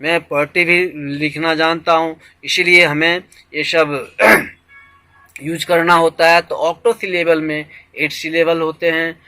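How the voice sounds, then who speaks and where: A man teaching a vocabulary lesson in Hindi, mixing in phrases, repeating words slowly and saying "ठीक है" often, and proud of his own teaching. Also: fairly high pitch, flat delivery, pushed and bright, clean tone, no room sound, low-quality recording. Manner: lecturing, repeats "ठीक है", mixes English phrases; drills pronunciation slowly word by word. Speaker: English teacher. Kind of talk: Hindi-language lecture.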